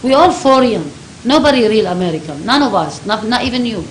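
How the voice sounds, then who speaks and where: A woman's voice: fairly high pitch, lively intonation, a little fast, echoey room, slight background noise, poor audio. A woman from Lebanon with a Lebanese accent, giving an impassioned public comment at a county board meeting in broken, repetitive English. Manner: emphatic, broken English, repeats herself.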